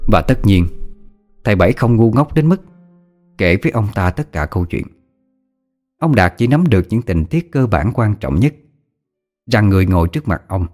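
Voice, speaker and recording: A man narrating a horror story in a steady, measured storytelling voice. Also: deep voice.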